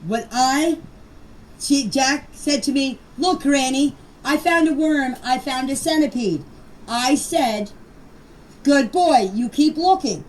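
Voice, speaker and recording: In voice clips recorded for a group chat, a grandmother with a high-pitched, slightly mellow voice gives an informal personal account of events. She's plain-spoken and emphatic and tends to repeat herself, and the recordings are distant and noisy.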